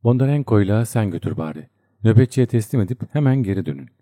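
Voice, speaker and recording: A man voicing a gruff, practical soldier. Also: on the low side, animated, quick pace, dark tone, no echo, clean studio sound. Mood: brusque. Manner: brusque, matter-of-fact orders.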